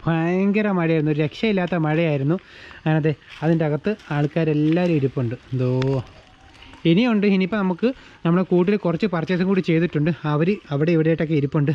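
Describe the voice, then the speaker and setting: A man from Kerala chatting casually as he shows off his backyard aviary outdoors, talking to his birds and helpers while his throat is sore from talking loudly. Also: sits high, muffled recording. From Kerala, India. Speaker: aviary vlogger. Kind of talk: casual vlog narration. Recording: loud rain noise outdoors. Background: rain and birds.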